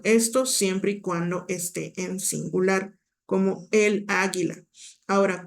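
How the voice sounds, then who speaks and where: A woman's voice: medium pitch, gravelly. A woman teaching an exam-prep grammar lesson, patiently explaining and talking directly to the student with checking questions.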